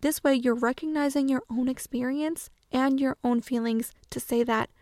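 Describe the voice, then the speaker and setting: A woman with a high voice talks through self-help advice in a calm, earnest way. Her delivery is measured and explanatory, and the recording is dry and close. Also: no room sound.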